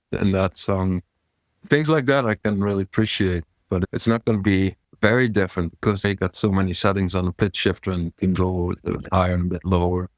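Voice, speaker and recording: A man guest in a casual interview, talking through his vocal gear in a relaxed, rambling way. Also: low voice, no room sound, studio quality.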